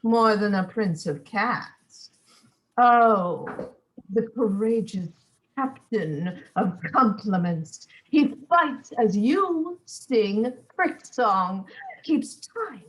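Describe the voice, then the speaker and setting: A woman's voice: mid-range voice, expressive, very slow, poor audio. A woman playing a witty, mocking young nobleman, giving the verse a theatrical, teasing delivery. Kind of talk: Shakespeare stage reading.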